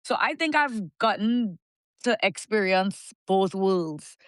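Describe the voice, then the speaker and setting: A young woman from South Trinidad talking in a podcast interview, her Trinidadian accent softened toward American, relaxed and full of "like". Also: mid-range voice, slow pace, clear, resonant tone, dry recording, clean studio sound. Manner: relaxed and laughing, with frequent fillers like "like". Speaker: soca singer, guest. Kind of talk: casual interview chat.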